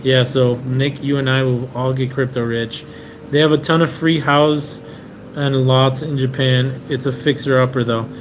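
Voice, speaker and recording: Hosting a live Q&A, this Venezuelan car importer talks at a moderate pace in a mid-range voice from a rented apartment. Laid-back and chatty, he reads out what viewers write, with many "um"s and restarts, over audible room noise and AC hum.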